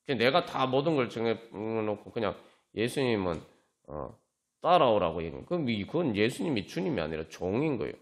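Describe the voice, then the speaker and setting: Animated male pastor preaching. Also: fairly low pitch, brisk. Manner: conversational preaching, acting out sample prayers. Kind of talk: sermon at a Friday prayer meeting.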